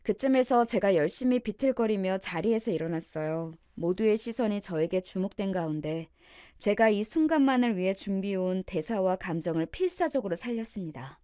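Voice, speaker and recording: A woman narrating a family drama story in the first person, steady and dramatic. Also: mid-range voice, normal speed, dry recording, clean studio sound.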